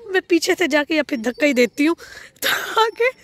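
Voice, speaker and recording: A woman from Pakistan chatting excitedly and laughing as she narrates a family vlog, filmed outdoors in a park on a handheld phone. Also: sits high, quick pace. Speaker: family vlogger.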